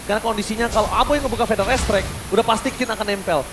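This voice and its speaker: A man with an Indonesian accent doing excited esports play-by-play, shouting and stretching key words like a hyped caster. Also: high voice, very fast. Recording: loud background noise over broadcast commentary.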